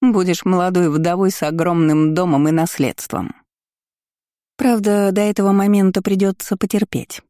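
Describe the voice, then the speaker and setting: A woman voicing a spiteful young woman who sneers and mocks in a shrill, high voice. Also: fairly even intonation, normal speed, warm tone, no room sound, studio quality, natural voice. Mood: gloating.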